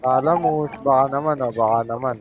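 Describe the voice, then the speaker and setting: A player in online game voice chat whose voice runs through a deep pitch-shifting voice changer, pleading and repeating the same short phrase over and over. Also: brisk, far from the mic, lo-fi sound, very noisy.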